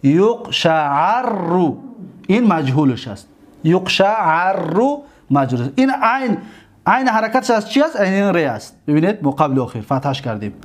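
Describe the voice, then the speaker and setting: A man with a Tajik accent teaching grammar, drawing out and repeating each word form slowly for his students. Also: sits high, big pitch swings. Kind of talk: grammar lecture.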